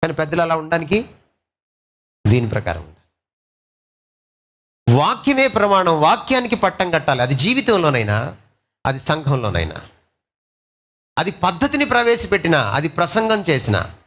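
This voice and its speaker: Animated pastor preaching with rhetorical questions. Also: male voice, a little high, moderate pace, long pauses. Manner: asks rhetorical questions, swings between loud and soft; slips English phrases into his talk. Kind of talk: sermon.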